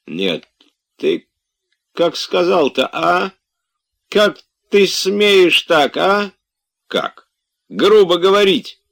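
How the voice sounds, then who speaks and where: A man's voice: sing-song, slow pace, full character voice. Man voicing a peevish, drowsy nobleman. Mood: indignant. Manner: drowsy, peevish, then indignant and shrill. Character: sleepy, irritable nobleman of leisure.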